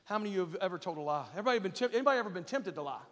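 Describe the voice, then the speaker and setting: A man preaching a sermon to kids at camp, asking the crowd questions and building to loud, emphatic peaks. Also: sits high, lively intonation, very fast, long reverb tail. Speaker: pastor.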